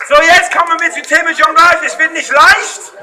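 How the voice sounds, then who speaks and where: A very high-pitched man with fairly even intonation and a normal speed performs on the street, trading loud jokes with festival onlookers in a blend of broken German and English, frequently shouting. The show takes place in an outdoor town square. The recording comes from a far-off camera without a microphone, capturing the crowd and surrounding noise.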